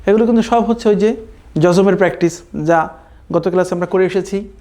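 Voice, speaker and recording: A man from Bangladesh teaching Quran reading in a recorded online class, slowly drawing out practice syllables and often checking in with his students. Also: sits high, warm tone. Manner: slow drawn-out recitation drills, then brisk explaining with "কেমন?" checks.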